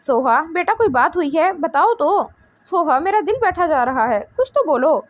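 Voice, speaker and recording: A woman's voice: high-pitched, sing-song, moderate pace, muffled recording. A woman reading the lines of a worried mother, speaking anxiously and pleadingly.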